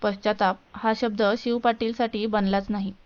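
A woman narrating a romance story in a steady, plain storytelling manner. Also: mid-range voice, normal speed, clear, resonant tone. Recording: dull lo-fi recording.

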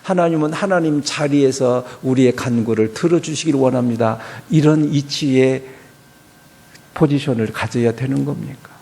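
A man preaching a sermon as pastor at a church, asking rhetorical questions and swinging from quiet to loud. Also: mid-range voice, normal speed, vocal fry.

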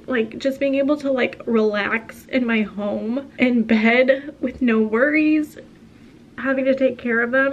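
A woman's voice: on the high side, a little hiss or hum. A young woman and stay-at-home mom vlogging casually to the camera at home, chatty and filling her talk with "like", tearful as she opens up. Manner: chatty, filler-heavy, emotional and tearful in the coffee chat. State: crying.

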